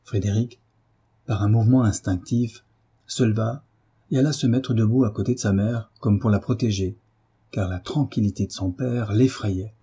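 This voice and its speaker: Dark, husky male narrator. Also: on the low side. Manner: measured, steady storytelling. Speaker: audiobook narrator. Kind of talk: literary audiobook narration.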